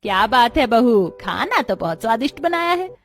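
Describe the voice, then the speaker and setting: A woman's voice: fairly high pitch, very animated, moderate pace, soft background music. A woman doing a fussy, motherly mother-in-law. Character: middle-aged mother-in-law, fussy but kindly.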